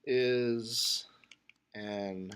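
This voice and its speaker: A man's voice: medium pitch, steady tone, very slow, a bit bright, clean tone. A man teaching a computer science class, talking casually with many fillers and restarts as he thinks aloud. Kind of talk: lecture.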